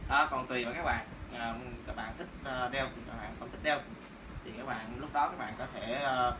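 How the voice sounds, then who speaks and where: A man's voice: medium pitch, steady tone, normal speed. Young guy demoing boxing gloves, rambling with lots of fillers, noisy roomy camera mic. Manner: casual, many fillers and repeated "đó". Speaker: martial arts shop presenter. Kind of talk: product demo. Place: small room in a shop, indoors. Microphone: camera on tripod a few meters away. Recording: roomy, distant camera audio with noise.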